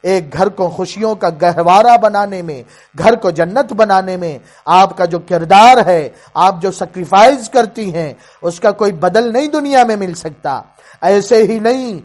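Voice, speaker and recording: A man's voice: sits high, animated. A man preacher giving an emotional sermon, pleading with his listeners and telling a story with feeling.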